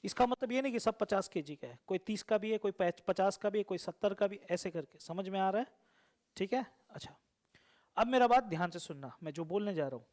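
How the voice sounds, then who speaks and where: A man's voice: sits high, lively intonation, brisk, darkish tone. A man teaching a math lesson to a classroom. He keeps quizzing and teasing the students with repeated questions. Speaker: coaching teacher.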